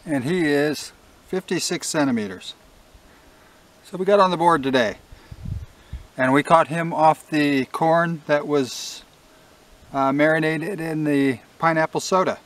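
A man's voice: a little high, unhurried, pauses often. Middle-aged man vlogging by a river. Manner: relaxed, matter-of-fact, with small restarts. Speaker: fishing vlogger. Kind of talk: casual outdoor commentary. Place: riverbank outdoors. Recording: faint outdoor nature ambience.

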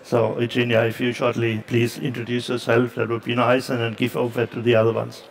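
An older man moderates a conference panel. His voice is gravelly and stays quite flat in pitch. He talks haltingly, with many fillers, into a headset mic on stage. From Germany. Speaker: panel chair.

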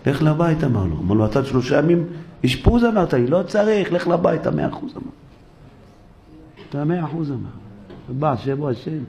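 A rabbi delivers a sermon in a synagogue, recorded for a live broadcast, telling everyday stories with animation and acting out the people in them. His voice sits on the high side, he takes long pauses, and there is slight background noise.

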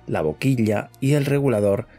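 A man's voice: mid-range voice, lively intonation, normal speed, warm tone, slightly rough, soft background music. A man presenting in the style of a scripted documentary narration.

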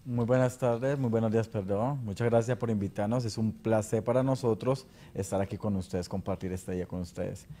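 A dance school director speaks as a guest on a morning show, courteous and earnest. His voice is low and mellow. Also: a little fast, hardly any pauses. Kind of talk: polite guest greeting.

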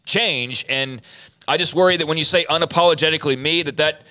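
A young man co-hosts a sports talk show from a studio, wearing headphones at a studio mic. His voice is slightly high, slightly quick, bright and pushed, and he speaks thoughtfully, rewording his points as he goes.

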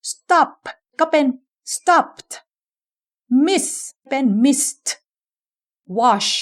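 A woman teaching English pronunciation in a slow, deliberate lesson, modelling each sound clearly and repeating words for the listener to copy. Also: fairly high pitch.

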